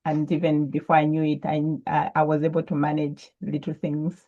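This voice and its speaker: A woman's voice: low-pitched, little pitch movement, moderate pace, muffled recording. A woman from Zambia, a guest entrepreneur, answering interview questions thoughtfully with frequent ums and restarts.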